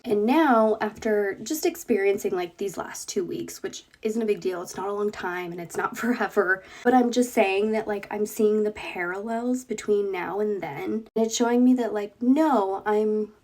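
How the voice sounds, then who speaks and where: A young woman vlogs in a relaxed, chatty way, laughing easily as she talks. Her voice sits at a middling pitch and sounds congested from a cold. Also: normal speed, few pauses. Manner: chatty, candid, laughs often. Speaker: vlogger. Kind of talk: casual vlog talk to camera.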